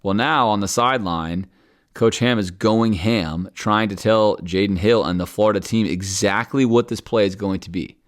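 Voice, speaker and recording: Male podcast host, deep voice, animated film-review commentary. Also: moderate pace. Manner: animated, acts out coaches and players in quoted asides.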